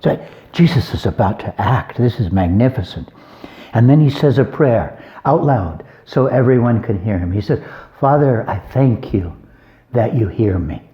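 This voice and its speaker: A man's voice: medium pitch, animated, normal speed, mellow, highs cut off. A man, an abbot, giving an informal homily on a Gospel reading, conversational and folksy, with joking asides.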